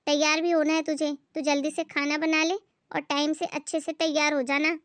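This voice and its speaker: A haughty mother-in-law who scolds and looks down on everyone, voiced by a woman. The voice sits high and bright, and the recording is close and dry with no room sound. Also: level tone, moderate pace, no echo, lightly acted. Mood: scolding. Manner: scolding, condescending. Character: bossy haughty middle-aged mother-in-law. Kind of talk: Hindi moral story voice acting.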